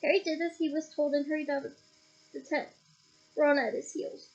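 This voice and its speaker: A woman's voice: high-pitched, fairly even intonation, moderate pace. A woman reading a novel aloud, casually stopping to comment on the story, on a dull, lo-fi home recording. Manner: casual, stops to comment and laugh. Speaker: audiobook reader.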